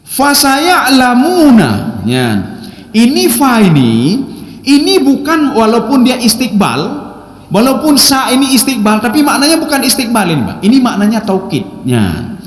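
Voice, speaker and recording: A man preaching a sermon to a congregation, lecturing in a lively way, reciting Arabic verses and often addressing listeners as "Pak". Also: high voice, echoey room, big-room sound. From Indonesia. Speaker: Islamic preacher.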